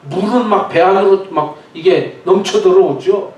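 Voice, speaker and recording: Animated pastor preaching in an echoey church. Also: male voice, sits high, moderate pace. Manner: vivid, dramatizing storyteller. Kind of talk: sermon. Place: church sanctuary. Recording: echoey church hall, distant mic.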